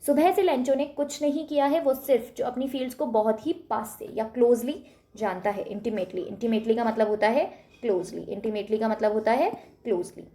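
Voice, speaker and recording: Young teacher lady, mellow voice a bit high, keeps asking then answering herself. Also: a little fast. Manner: repeats questions and answers them, frequent "thik hai?" checks. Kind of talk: Hindi-English classroom lesson explaining a chapter.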